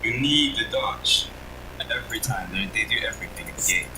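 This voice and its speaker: A man's voice: lowish voice, lively intonation, brisk, recorded from a distance, noisy background. A man chatting casually on voice chat during a gaming session, joking and laughing. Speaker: friend on voice chat.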